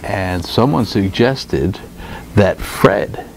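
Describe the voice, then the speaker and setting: A man's voice: on the low side, very slow, creaky, a little hiss or hum, rough recording. Middle-aged man telling a rambling story. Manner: rambling, animated, many fillers and restarts. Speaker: co-host. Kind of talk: casual storytelling chat. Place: indoor studio room with guitars on the wall. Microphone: lapel mic with headphones.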